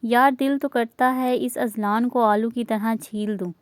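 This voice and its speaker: A woman's voice: fairly high pitch, fairly even intonation, a little slow, no room sound, close to an everyday voice. A woman reading aloud voices a nervous young woman who pleads and grumbles. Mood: annoyed. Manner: pleading, flustered.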